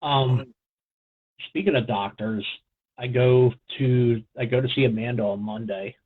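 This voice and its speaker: A man co-hosting a podcast in casual chat, rambling and halting with fillers and restarts. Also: mid-range voice, husky. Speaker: podcast co-host. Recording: phone-like narrow sound.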